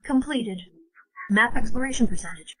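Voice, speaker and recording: A woman voicing a formal, procedural game system announcer in an animated fantasy dub. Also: on the high side, moderate pace, close to an everyday voice, rough recording.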